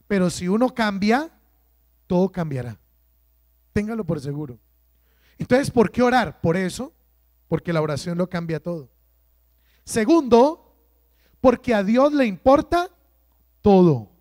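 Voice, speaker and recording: Priest, high voice, dry recording, emphatic sermon full of questions to the flock. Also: male voice, expressive, darkish tone, no echo. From Colombia. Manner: emphatic preaching with rhetorical questions and slow drawn-out stresses. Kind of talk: sermon at a prayer workshop.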